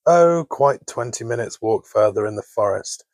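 A man's voice: mid-range voice, lively intonation, moderate pace, a little mellow, no room sound. A man voicing an innocent little girl in a bedtime storybook reading, light and sweet.

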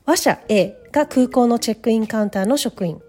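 A woman's voice: a little high, lively intonation, a little fast, dark tone. A woman teaching English pronunciation, patiently demonstrating each sound step by step, with faint music behind her.

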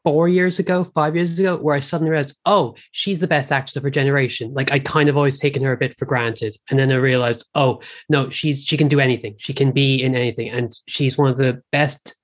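An Irish man speaks as a podcast guest in a casual film chat. His pitch is middling and his talk is informal, peppered with "like". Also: steady tone, fast talker, hardly any pauses. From Ireland.

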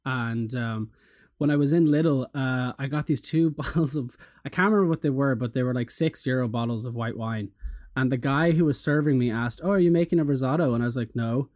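A man's voice: mid-range voice, a little fast, darkish tone. Young Irish man, casual interviewer. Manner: informal, jokey.

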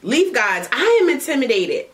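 A woman's voice: high-pitched, very animated, normal speed. A woman hosting a casual chat while smoking, bawdy and playful, laughing often. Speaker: podcast host.

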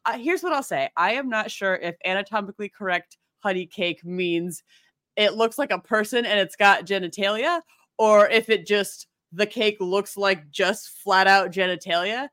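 Woman co-host, casual rambling research chat, laughs a lot, crisp dry close mic. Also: medium pitch, moderate pace, a bit bright, dry recording. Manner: giggly, rambling, self-deprecating. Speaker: podcast co-host presenting research.

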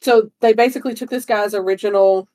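A woman's voice: medium pitch, fairly even intonation, fast talker, dark tone. A woman co-hosting a podcast, casually telling a history story in a rambling way with frequent giggles. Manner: rambling, breaks into giggles often. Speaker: podcast co-host.

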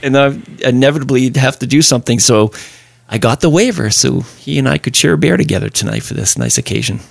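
A man's voice: medium pitch, very animated, fast, gravelly, dry recording. A man hosting a podcast, chatting in an easygoing, storytelling way. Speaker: podcast host. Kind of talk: casual podcast chat.

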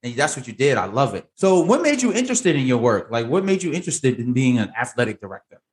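A man hosting an interview, emphatic and enthusiastic, repeating words and lifting his pitch high when he praises. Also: very animated, fast, slight background noise. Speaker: show host.

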